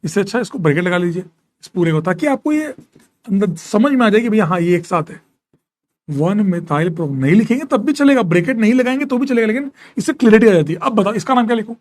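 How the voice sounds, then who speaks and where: A man with a high, brisk, animated voice and a slightly mellow tone teaches a live chemistry class in a Hindi-English mix. He counts atom numbers aloud, reads out student questions and answers them, teasing and jokingly scolding the class as he goes.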